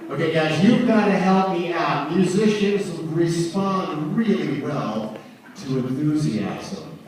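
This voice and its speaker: Energetic man in a very echoey hall. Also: fairly high pitch, takes it slowly. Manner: energetic, storytelling, jokes with the crowd. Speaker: musician speaking to a concert audience. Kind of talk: lively stage talk to an audience. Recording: very echoey hall, distant mic, faint noise.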